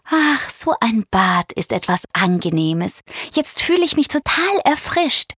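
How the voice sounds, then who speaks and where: A woman's voice: fairly high pitch, sing-song, unhurried, a bit bright, breathy edge, dry recording, studio quality, voice pushed up, heavily acted. A woman voicing a cheerful little pink female bird in a children's story, talking in a chirpy, bubbly way.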